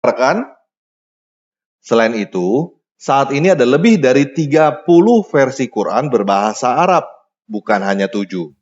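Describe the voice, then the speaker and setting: A man reading a scripted narration in an even, formal manner. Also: mid-range voice, unhurried, long pauses, highs cut off. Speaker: narrator of a played video.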